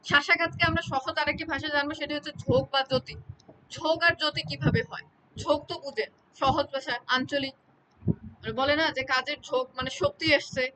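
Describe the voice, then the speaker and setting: A woman's voice: sits high, pushed and bright, a little hiss or hum, low-quality recording. A woman teaching an exam-prep lecture, explaining with repeated examples and often checking that students follow.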